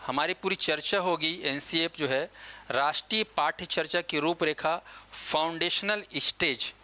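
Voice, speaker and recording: Bright, clear-voiced male coaching teacher. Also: a little high. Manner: quizzing students with quick questions and answering them himself; slows down to dictate key dates and terms. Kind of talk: classroom lecture.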